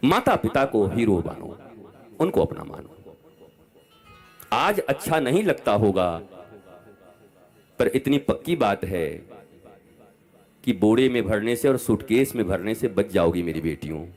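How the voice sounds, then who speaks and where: A man in his fifties giving an impassioned religious discourse as a spiritual preacher, scolding and swinging between loud outbursts and soft asides to a large gathering. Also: fairly low pitch, sing-song, a little slow, pauses often, soft background music. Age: 50s.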